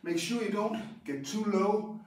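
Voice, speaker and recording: A karate instructor, a native Danish speaker, demonstrates stances while speaking plainly and haltingly with pauses between each move. His voice is fairly high. The camera sits at a distance while he moves, so he sounds far off in a very echoey hall.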